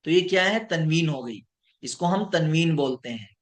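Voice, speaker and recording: A man teaching an online lesson, slowly drawing out each example word and checking in with his students. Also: on the high side, expressive. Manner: slow, deliberate, drawing out example words; checks in with students, addressed as sir. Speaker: Arabic teacher.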